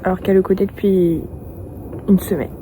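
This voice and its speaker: A woman's voice: mid-range voice, steady tone, fairly quick, background noise. A young woman vlogging about her reading, talking back to the characters in a blunt, slangy way. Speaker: book vlogger. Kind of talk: casual reading-reaction vlog. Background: crickets chirping.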